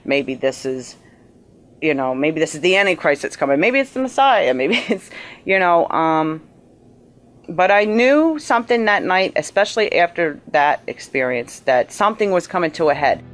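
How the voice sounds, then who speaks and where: A woman giving an emotional personal testimony as an eyewitness, halting and earnest, with many fillers and restarts. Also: on the low side, big pitch swings. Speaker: eyewitness interviewee.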